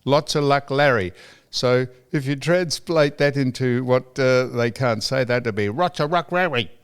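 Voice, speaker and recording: A man's voice: mid-range voice, fairly even intonation, unhurried, clean tone. An Australian man co-hosting a podcast in casual chat, telling rambling stories with lots of stammered restarts. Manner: rambling, stammering storyteller who repeats himself. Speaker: podcast co-host.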